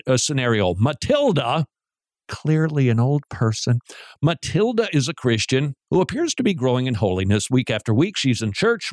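A man hosting a talk radio show, joking and animated, who often restarts his sentences. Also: mid-range voice, dry recording, clean studio sound.

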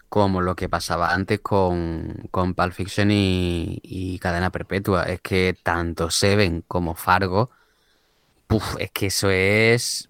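A man with a Spain Spanish accent, casually discussing films and pausing to restart phrases as he searches for words. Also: low voice, fairly bright tone, clear, resonant tone, no room sound, clean studio sound.

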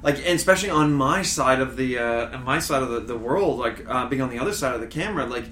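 Bright animated man telling stories. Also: medium pitch, quick pace, reverberant, slight background noise. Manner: animated storyteller with many restarts and fillers. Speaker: storm chaser, guest. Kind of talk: casual podcast chat.

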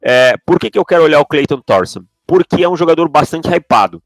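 A man's voice: a little high, expressive, fairly quick, dry recording, faint music behind. A man co-hosting a sports podcast, giving blunt, opinionated takes and dry jokes. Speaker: podcast co-host. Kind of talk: casual sports podcast analysis.

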